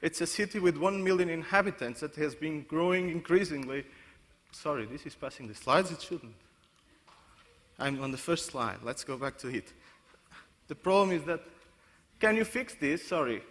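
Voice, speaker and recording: At a conference, a Portuguese man gives a presentation in a halting way, often restarting and correcting himself mid-sentence. His voice is a little high, expressive and fairly bright. The conference hall adds a long reverb.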